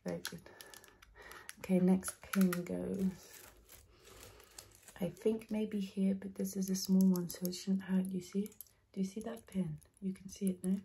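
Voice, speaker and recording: A woman doing an ASMR role-play in a soft, breathy ASMR voice, coaxing the listener playfully with repeated trigger words and tingly mouth sounds. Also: a little hiss or hum. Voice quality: soft-spoken, breathy soft voice, often slipping into soft low speech. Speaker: ASMR performer.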